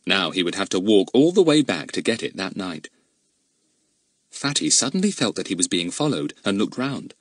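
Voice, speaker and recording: A man narrating a children's storybook audiobook in an expressive, animated reading with a husky voice. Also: low voice, normal speed, no room sound, studio quality.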